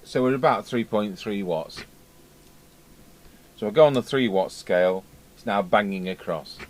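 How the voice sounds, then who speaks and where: With a voice on the low side and a moderate pace, a man presents a casual repair demonstration as a radio repair technician, thinking aloud and muttering while he works. The poor-quality audio, captured indoors at a repair workbench, has clear background noise and workshop ambience.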